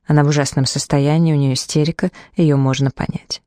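A woman voicing a guarded, controlling adult sister in an audiobook, speaking calmly with a quiet, cutting condescension. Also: sits low, brisk, no room sound, studio quality, lightly acted. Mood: evasive. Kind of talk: audiobook character reading.

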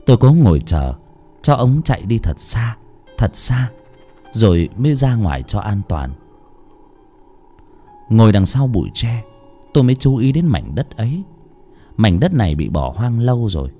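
A man's voice: on the low side, sing-song, moderate pace, pauses often, warm tone, soft background music. A man narrating a horror audiobook in a dramatic, tense storytelling manner.

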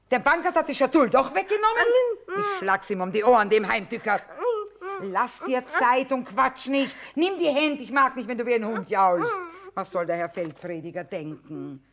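A woman's voice: fairly high pitch, fairly bright tone. A woman acting in a radio drama as a tough, brusque, shrewd mother who trades from a wagon in wartime. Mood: alarmed, impatient. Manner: brusque, haggling, commanding.

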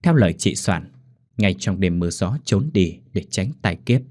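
Expressive low-voiced male storyteller. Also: moderate pace. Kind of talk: scripted ghost story narration. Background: faint music.

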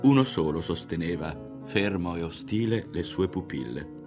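A man narrating a literary novel in a dramatic, expressive reading with voiced characters. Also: deep voice, moderate pace, music in the background. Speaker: audiobook reader.

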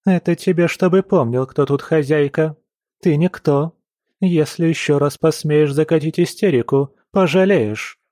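A man's voice: fairly high pitch, unhurried, no echo, clean studio sound, voice pushed up, lightly acted. A man voicing a cold, menacing noblewoman. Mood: commanding, threatening. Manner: quiet, menacing, commanding. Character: cold, domineering noblewoman, a young wife. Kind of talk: audiobook character voice.

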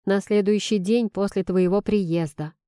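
A gentle, persuasive young woman friend , as a woman narrator puts her on, coaxing and reassuring. Her voice sounds warm and mellow. There is no room sound at all. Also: mid-range voice, fairly even intonation, a little slow, smooth, no room sound, studio quality, natural voice. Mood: confiding. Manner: coaxing and soothing.

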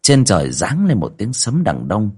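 A man's voice: on the low side, normal speed, slight background noise. A man hosting a livestream, reading a village ghost story aloud with dramatic storytelling. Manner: dramatic storytelling with lively rises and falls.

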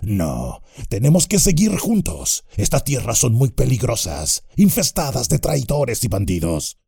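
A man voicing a resentful, quarrelsome male orc from the mines in an audiobook, shrill and argumentative. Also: huge pitch swings, a little slow, gravelly, warm tone, breathy edge, no room sound, studio quality, heavily acted. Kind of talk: audiobook character voice.

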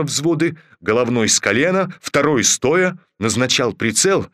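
A man reading a classic novel aloud in a measured, even narration. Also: mid-range voice, no echo, studio quality. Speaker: audiobook reader. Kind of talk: scripted literary narration.

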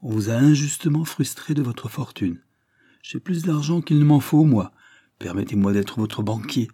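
A man voicing a generous wealthy gentleman who kindly insists on helping a friend in an audiobook. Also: medium pitch, normal speed, slightly rough, dry recording, clean studio sound, pitched above the performer's own voice. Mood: earnest.

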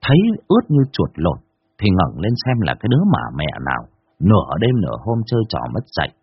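Male horror storyteller, low and husky, lively delivery; dry, muffled sound. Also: brisk, no echo. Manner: lively expressive telling. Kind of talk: dramatic horror story narration.

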